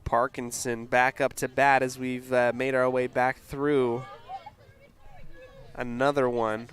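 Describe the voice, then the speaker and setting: A man doing play-by-play for a local radio softball game, calm and unhurried with casual fillers, lifting his voice on big plays. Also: mid-range voice. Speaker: play-by-play announcer.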